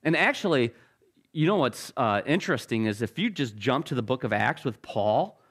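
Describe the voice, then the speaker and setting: A man's voice: mid-range voice, big pitch swings, moderate pace, fairly bright tone. A middle-aged male pastor preaching a sermon in a casual, conversational way, joking about himself and often repeating words as he restarts phrases. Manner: casual, conversational preaching with self-deprecating humor.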